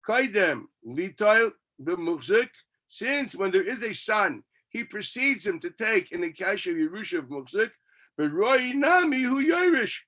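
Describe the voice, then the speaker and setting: A man's voice: sits high, pushed and bright. A man gives a Talmud class as a rabbi, reading text and arguing through it with his own questions and answers.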